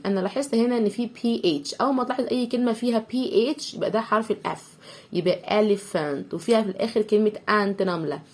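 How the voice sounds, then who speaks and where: A woman's voice: medium pitch, darkish tone. A woman with an Egyptian Arabic accent teaching English vocabulary to young pupils, sounding words out letter by letter and repeating each one several times.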